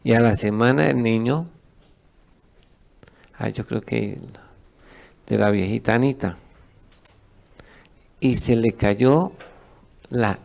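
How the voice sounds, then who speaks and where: A man's voice: mid-range voice, slow pace, creaky, pauses often, a little mellow. A man, a pastor teaching a sermon who asks his congregation questions and lets them answer.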